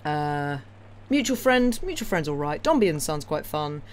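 A woman's low voice moves at a moderate pace while she hosts a live stream of classic novel readings. Her casual, wandering talk to the audience is opinionated, wry and full of enthusiasm, and steady background noise is clearly audible.

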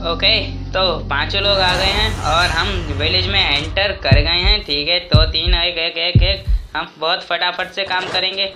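A man giving casual, jokey gameplay commentary as a gaming YouTuber, talking excitedly to his viewers. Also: high-pitched. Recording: game music clearly behind voice.

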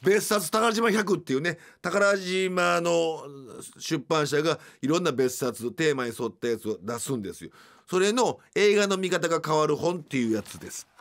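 A man's voice: fairly high pitch, animated, moderate pace, creaky, a bit bright. A man in his fifties with a Kansai accent, hosting a casual radio show from a studio, telling stories and often laughing mid-sentence. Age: 50s. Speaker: radio host.

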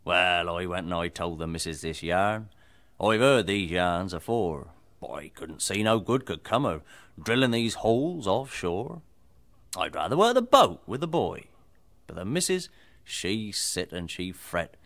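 A man's voice: big pitch swings, a little slow, a bit bright. A man performing a comic folk recitation in a broad rustic style. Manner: broad rustic delivery with sweeping swings in pitch. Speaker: folk storyteller.

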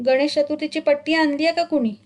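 A short-tempered village schoolmaster, as a woman reads him out in a storybook reading. He scolds and barks orders in broad rural dialect, his voice high and pushed loud. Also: fairly even intonation, quick pace, close to an everyday voice. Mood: scolding. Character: irritable shouting male village schoolteacher.

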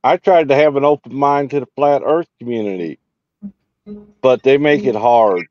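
A man's voice: mid-range voice, moderate pace, no echo. A man from St. Louis with an Appalachian-like hillbilly American accent, chatting casually in a folksy, plain-spoken way. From St. Louis, United States. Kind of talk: casual panel chat. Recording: dull lo-fi online call, instrumental music behind. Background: guitar playing.

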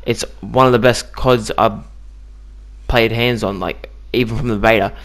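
A man's voice: lowish voice, fairly even intonation, unhurried, fairly bright tone. A man giving casual, chatty commentary on a video game he just played, with lots of ums and likes. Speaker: gaming YouTuber.

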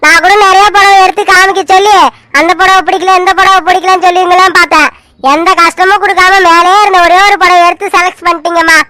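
A woman's voice: extremely high pitch, level tone, fast talker, sharp tone. A woman voicing a polite, talkative male saree seller in a village family cartoon. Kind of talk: animated cartoon serial voice.

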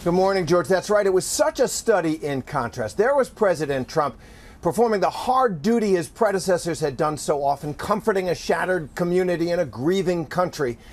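Man, middle-aged, news correspondent, live outdoor report, earnest, slightly high voice. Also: lively intonation, brisk. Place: outdoors at night.

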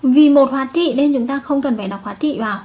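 A woman's voice: high-pitched, fast, dark tone. A woman chemistry teacher giving a recorded video lesson, patiently repeating each point and checking with her students.

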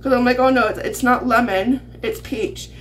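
Talking to camera from a small home kitchen, a middle-aged Canadian vlogger rambles through a casual grocery haul and chuckles frequently. Her voice is a little high, with a steady tone and moderate pace. Noise from the kitchen comes through the camera audio.

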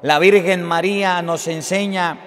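A man preaching a sermon as a priest, emphatic, moving between loud declarations and quiet endings. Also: high voice, steady tone, measured pace. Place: church. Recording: long church reverb.

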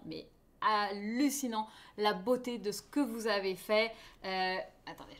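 A woman teaching a live online knitting class. She talks in a chatty way and often checks in with her viewers. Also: on the high side. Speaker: knitting teacher hosting a knit-along.

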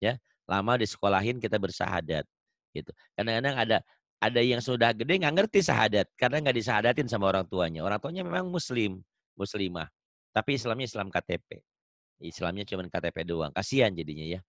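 A man teaching a one-on-one Quran recitation lesson, patient and deliberate, repeating each rule slowly. His voice is bright and forceful, recorded dry and close. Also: lowish voice, lively intonation, no room sound.

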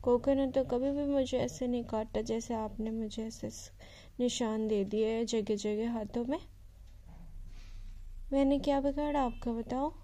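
A woman vlogger talking to her pet in a coaxing, gently scolding baby-talk manner. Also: a little high, steady tone, a little slow. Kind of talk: casual vlog talk to a pet.

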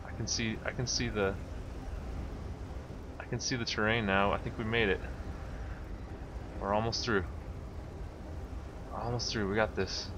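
A man's voice: on the low side, background noise. A man giving casual gameplay commentary, talking to himself and exclaiming as he plays. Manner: excitable, exclaiming, talks to himself. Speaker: video game player commentator.

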